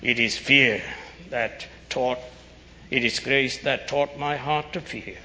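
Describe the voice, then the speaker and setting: A man preaching a fire-and-brimstone sermon like a doomsday street preacher, with stern, urgent warnings and solemn, deliberate, emphatic phrasing. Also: mid-range voice, steady tone, bright, forceful tone. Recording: dull, noisy recording in reverberant hall.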